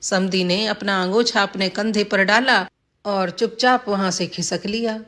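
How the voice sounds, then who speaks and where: A woman's voice: mid-range voice, fairly even intonation, a little slow, a bit bright. A woman narrating a village folk tale in a plain storybook reading, lightly voicing the villagers' lines.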